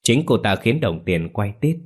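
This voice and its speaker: A man voicing a stern elderly male village ritual master who speaks in a measured, cautionary way. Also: on the low side, big pitch swings, slightly rough. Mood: solemn.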